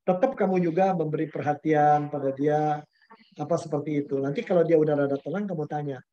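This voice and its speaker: A pastor with a slightly high, mellow voice talks fairly quickly in a conversational webinar, telling anecdotes in a chatty style and mixing in slang and English words. The video-call audio is dull and lo-fi.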